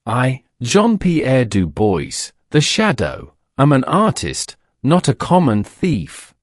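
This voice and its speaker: A man's voice: medium pitch, huge pitch swings, takes it slowly, dry recording, clean studio sound. A man voicing a theatrical, indignant French illusionist with a thick, resonant accent.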